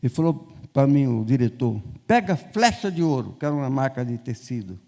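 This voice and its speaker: A man's voice: mid-range voice, fairly quick, creaky. An older man with a Brazilian Portuguese accent, a bishop telling stories in a sermon and acting out the dialogue in voices. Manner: animated, acts out dialogue in quoted voices. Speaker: bishop preaching. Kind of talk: storytelling sermon. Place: church sanctuary. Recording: long reverb in a church hall.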